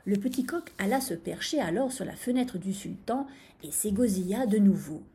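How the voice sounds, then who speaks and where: A woman reading a fairy tale aloud in an expressive, lively way. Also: mid-range voice, normal speed. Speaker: storyteller. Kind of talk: storybook reading.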